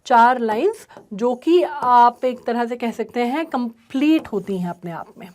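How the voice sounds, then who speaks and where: Woman teacher with a high voice, explains a poem step by step and keeps checking in with her students. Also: lively intonation, measured pace, a little mellow, a little hiss or hum. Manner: repeats "ठीक है" often, mixes English terms into Hindi.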